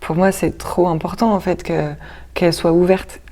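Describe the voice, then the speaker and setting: Mellow-voiced hesitant woman. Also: lowish voice, flat delivery, normal speed. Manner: hesitant, searching for words, many restarts. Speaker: actress and stage director, interview guest. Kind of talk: casual conversational interview.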